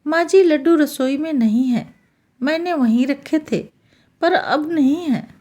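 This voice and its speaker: A woman's voice: high voice, measured pace, dark tone. Namrata, a meek young wife, as a woman puts her on. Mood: worried. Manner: polite, deferential. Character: meek dutiful young daughter-in-law.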